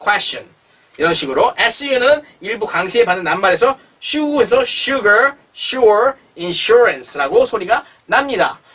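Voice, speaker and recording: A phonics teacher who says each English word slowly and more than once, then explains its sound. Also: mid-range voice, very animated, fairly bright tone, breathy edge, far from the mic. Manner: slow, repeats each word aloud for drilling. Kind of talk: phonics lesson.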